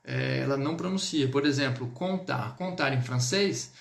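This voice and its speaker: A man's voice: medium pitch, moderate pace, vocal fry, roomy sound. A man with a Brazilian Portuguese accent teaching a live online French lesson, patiently repeating words and checking in with his students.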